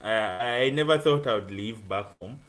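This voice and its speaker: A man's voice: fairly low pitch, moderate pace, a bit bright. A man in his twenties from Uganda, a student guest talking earnestly about his life on a live-streamed video call, with frequent ums. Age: 20s. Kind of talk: casual interview on a live stream.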